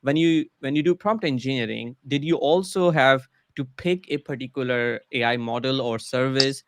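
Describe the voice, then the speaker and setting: A man's voice: medium pitch, normal speed, a bit bright, dry recording, clean studio sound. A man hosting an interview, sharing his own experience and asking long, curious questions. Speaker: host. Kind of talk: conversational interview.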